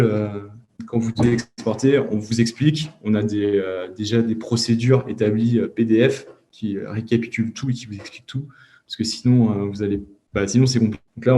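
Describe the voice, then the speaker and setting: A man's voice: mid-range voice, warm tone. A man giving an informal training webinar and answering questions, with lots of hesitations. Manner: informal, many fillers and restarts. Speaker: certification trainer.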